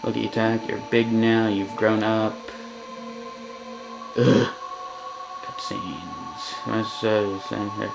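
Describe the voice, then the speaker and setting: Slow and creaky, this let's play commentator's fairly low voice stays flat, broken up by long pauses as he reads on-screen text and grumbles sarcastically in a casual, joking way. Game music runs underneath. The recording is low quality.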